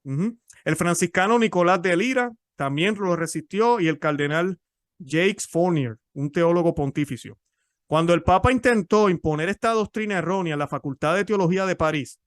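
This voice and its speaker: A man's voice: high-pitched, moderate pace, no room sound, clean studio sound. A man explaining church history in a teaching talk, often repeating and restarting words.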